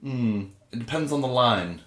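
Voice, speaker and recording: Guy cohosting a film podcast, jokey and laughing a lot, pitch jumping all over, echoey room. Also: lively intonation, normal speed, fairly bright tone. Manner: jokey, laughs often, spins comic tangents. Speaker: podcast co-host. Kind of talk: casual chat.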